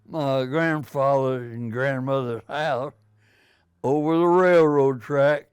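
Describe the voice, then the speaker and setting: A very old man recalls his past in an interview. He speaks slowly and haltingly in short, plain phrases, with a clear, smooth voice in a dry, close sound. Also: medium pitch, dry recording. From Texas, United States. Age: 102, very old man. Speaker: interviewee, World War Two veteran. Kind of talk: reminiscing interview talk.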